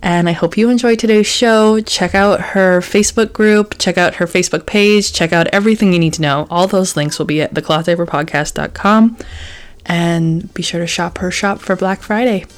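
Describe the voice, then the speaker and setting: Lower-pitched woman hosting a casual podcast. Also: moderate pace. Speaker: podcast host.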